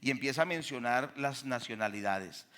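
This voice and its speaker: Preaching emphatically to a church congregation, a Colombian-accented man delivers a sermon with Bible reading and testimonies, putting questions to his listeners. His mid-range voice is expressive and sharp, at a normal speed.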